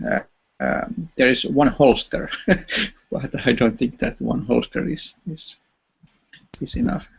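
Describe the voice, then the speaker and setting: A man from Finland, speaking with a Finnish accent, joins a casual online voice chat as a participant. His medium-pitched voice is creaky and husky, and he talks slowly and hesitantly with many fillers and restarts, over dull lo-fi chat audio.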